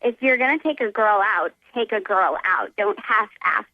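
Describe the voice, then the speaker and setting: A woman's voice: mid-range voice, animated, normal speed, no room sound. A woman on a phone call to a radio show, defensive and sure of what she deserves. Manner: defensive, entitled. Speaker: caller. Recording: dull phone-line sound.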